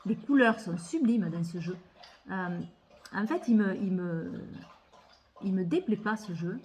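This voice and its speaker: A woman's voice: mid-range voice, expressive, measured pace, darkish tone, a little hiss or hum. A woman vlogger chatting casually about tarot decks, thinking aloud and often repeating words as she hesitates. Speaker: tarot and oracle card vlogger. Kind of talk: casual haul chat.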